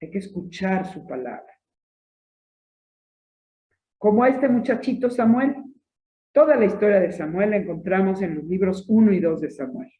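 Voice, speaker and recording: Man, high voice, catechesis talk, echoey tinny recording. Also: lively intonation, normal speed, long pauses, dark tone. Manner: explanatory, checks in with listeners. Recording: echoey room on a tinny lo-fi line.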